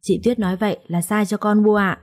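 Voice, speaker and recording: A woman storyteller voicing a gentle but firm young bride who speaks politely and with restraint. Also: mid-range voice, steady tone, a little fast, close to an everyday voice.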